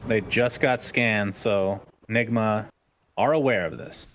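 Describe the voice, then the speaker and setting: A man's voice: takes it slowly, a bit bright. Esports commentator man with a noisy backdrop. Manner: rises sharply in pitch during fights.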